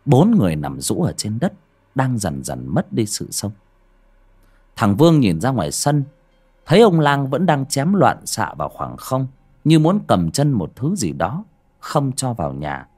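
A man's voice: medium pitch, huge pitch swings, a little slow, darkish tone, husky. A man narrating a horror story in a dramatic storytelling manner.

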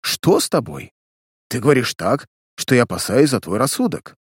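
A man's voice: mid-range voice, very animated, moderate pace, breathy edge, no echo, clean studio sound. A man voicing a sly, blustering villainous uncle in an audiobook reading, with mocking, indignant outbursts.

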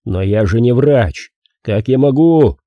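A man doing a gruff blunt detective. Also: mid-range voice, expressive, slow, no room sound, muffled recording. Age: 30s. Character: gruff male detective, thirty-five, blunt.

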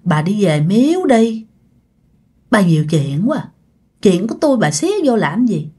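A woman's voice: medium pitch, big pitch swings, moderate pace, mellow, breathy edge. A woman voicing the spiteful ghost of a dead old woman who has possessed a young girl, taunting and scolding. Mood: scornful.

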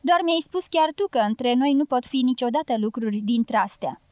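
A woman reading the part of a gentle young woman in an audiobook, soft and pleading, in a dry studio sound. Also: on the high side, lively intonation, no echo, close to an everyday voice.

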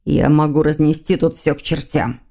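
A proud young male demon with a sullen, snapping way of talking, as a woman reads him aloud. The voice sits lower than her narration and has a dark, mellow tone. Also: fairly even intonation, moderate pace, creaky.

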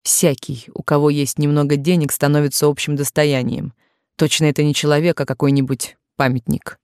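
A woman voicing a wealthy, bitter and weary man in an audiobook, speaking in a low, disgusted tone. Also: little pitch movement, a little fast, a little mellow, smooth, dry recording, clean studio sound.

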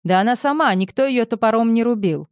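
A woman's voice: fairly high pitch, animated, a little fast, clean tone, dry recording, studio quality, voice pushed up. A woman reading the part of a crude, dismissive man who talks in blunt slang in an audiobook. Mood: mocking.

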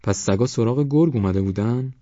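A man's voice: lowish voice, a little mellow, no echo, dull audio, lightly acted. A man voicing a polite, earnest young man from a village.

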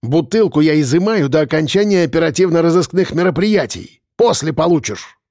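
Gruff village cop, barking orders, fed up, as a man plays him, lively. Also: on the high side, fairly quick, no echo, clean studio sound. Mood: stern. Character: gruff village police officer, stern but jumpy.

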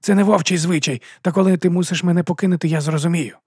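A man's voice: high voice, fairly even intonation, fast, darkish tone, husky, dry recording, clean studio sound, voice pushed up. A male narrator voicing a loyal male wolf who speaks plainly and earnestly. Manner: simple, earnest phrasing. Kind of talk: audiobook character voice.

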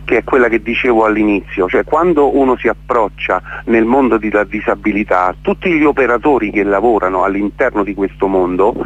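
A man with a medium-pitched, slightly breathy voice is interviewed on the radio about the event he organises. He is emotional and impassioned, stressing points through repetition and checking understanding with "capito?". The audio is dull and lo-fi.

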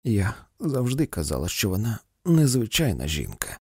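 A man reading a story, voicing an anxious society lady who speaks softly and tearfully. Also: lowish voice, huge pitch swings, normal speed, husky, no room sound, studio quality, exaggerated voice. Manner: soft, tearful and fluttery.

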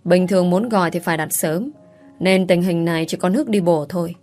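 Woman narrator for an audiobook, lowish even delivery. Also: a little fast, soft background music. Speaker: story narrator.

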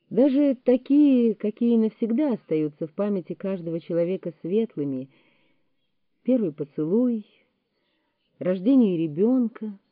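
A woman giving a measured, deliberate audiobook narration of a memoir. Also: medium pitch, dry recording. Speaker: audiobook reader. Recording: tinny phone-like, dry sound.

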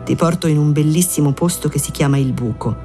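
A woman reading the lines of a breezy young man who leads his friend to a hidden beach, in a calm, plain voice. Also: deep voice, brisk, faint music behind, close to an everyday voice. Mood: easygoing.

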